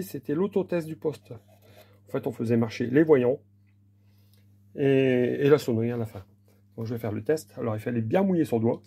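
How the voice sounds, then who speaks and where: A man with a warm, mid-range voice that has a breathy edge informally demonstrates old equipment as a hobbyist. He explains plainly, somewhat hesitantly, without a script.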